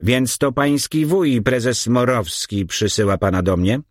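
A man voicing a suspicious, cunning old baron of about sixty with a squeaky, croaking voice in an audiobook. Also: lively intonation, unhurried, no room sound, clean studio sound. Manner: suspicious, sly questioning. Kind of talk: audiobook character voice.

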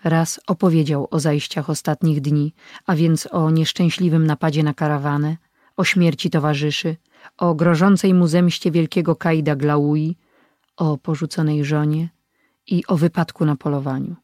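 An audiobook narrator reads a story in a measured, even way. The voice sits at a middle pitch, neither high nor low. The recording is dry and close, with no room echo. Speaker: audiobook reader. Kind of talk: scripted narration.

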